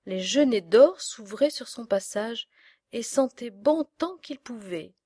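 A woman reading a storybook aloud in a measured, expressive way. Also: on the high side, slightly rough, no echo, studio quality.

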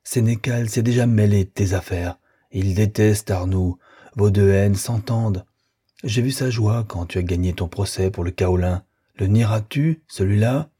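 A man's voice: fairly low pitch, unhurried, mellow, husky. Frédéric, a man playing a bitter jealous lover. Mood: furious. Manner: accusing, bitter and cold. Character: young man, jealous and coldly wounded lover.

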